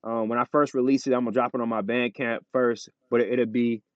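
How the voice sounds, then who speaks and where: A man's voice: medium pitch, flat delivery, brisk, no room sound. Laid-back man, muffled dry sound. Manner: laid-back, peppers speech with "like, you know what I'm saying". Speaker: rapper guest. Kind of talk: casual interview chat.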